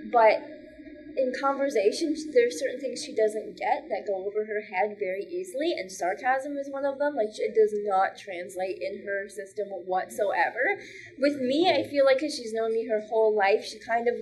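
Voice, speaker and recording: A woman's voice: fairly high pitch, moderate pace, a little mellow, low-quality recording. A woman stand-up comedian chatting casually as a podcast guest, talking loosely with lots of "like" fillers and frequent laughter.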